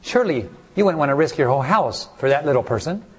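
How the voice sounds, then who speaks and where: Higher-voiced male preacher asking rhetorical questions. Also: very animated, fast, breathy edge. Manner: acts out short voices in stories. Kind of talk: sermon.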